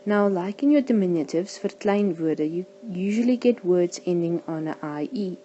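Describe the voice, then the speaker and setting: A woman teaching a language lesson, saying each example word slowly and carefully. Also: lowish voice, mellow, slight background noise, low-quality recording. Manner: slow, careful pronunciation of example words.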